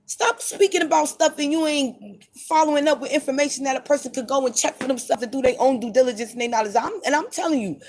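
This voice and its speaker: A woman's voice: high voice, fast, a little mellow. A woman hosting a late-night podcast in a blunt, emphatic monologue, repeating her points for stress. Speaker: podcast host.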